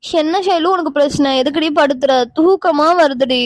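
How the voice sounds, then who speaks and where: A woman's voice: extremely high pitch, fairly even intonation, normal speed, dry recording, clean studio sound. A woman voicing a lazy, sleepy young woman in a cartoon, drowsy and whiny. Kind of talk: cartoon voice acting.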